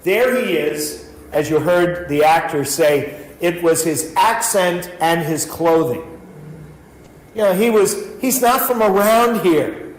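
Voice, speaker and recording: A pastor from New York with a New York accent, giving a thoughtful Bible study talk, with many fillers and restarts. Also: male voice, sits high, takes it slowly. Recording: echoey room with faint noise.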